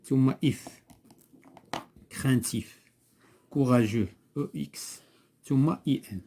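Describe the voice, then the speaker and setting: A man's voice: medium pitch, slow, dark tone, a little hiss or hum. A man with a Moroccan Arabic accent teaching a French lesson in class, patiently repeating terms and prompting a pupil to finish words. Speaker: primary school French teacher.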